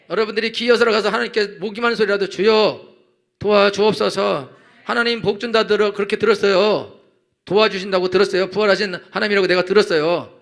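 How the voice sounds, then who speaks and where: A male pastor preaches an Easter sermon in a church, his voice pitched high with a rough, gravelly edge. He drives each point home emphatically, breaking into hallelujahs and voicing prayers aloud. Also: fairly bright tone. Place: church sanctuary.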